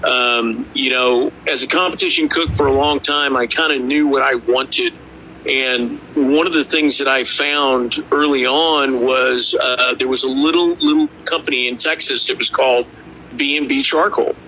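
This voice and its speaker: A man's voice: medium pitch, steady tone, normal speed, sharp tone, slight background noise, poor audio. A man speaking casually as an interview guest from a kitchen.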